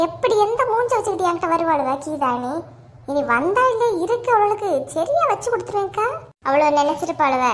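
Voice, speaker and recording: A shrill, very high cartoon voice of a gossiping village woman with a Kanyakumari Tamil accent, put on by a woman. She talks in a quick, complaining sing-song. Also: fairly bright tone. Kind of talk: cartoon voice acting.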